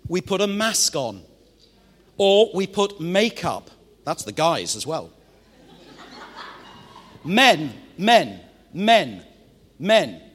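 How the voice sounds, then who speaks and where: A British man, a pastor, preaching a sermon in an animated, playful way and talking straight to the congregation. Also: sits high, long reverb tail. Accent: British English. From Britain.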